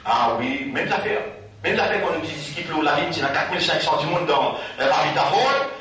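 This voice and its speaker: A man preaching a Ramadan sermon, swinging between loud declarations and quiet asides, recorded from far off in an echoing hall. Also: fairly high pitch, expressive, a little fast.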